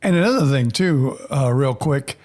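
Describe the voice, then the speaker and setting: A man's voice: medium pitch, lively intonation, normal speed, darkish tone. A man hosting a podcast in casual interview talk, loose and full of uh fillers and restarts. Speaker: podcast host.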